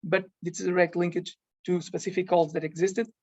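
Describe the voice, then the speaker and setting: Halting man presenting at a conference. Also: high voice, flat delivery, a little mellow, dry recording. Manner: halting, frequent ums and restarts. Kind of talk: technical presentation. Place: conference event. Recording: dull lo-fi sound.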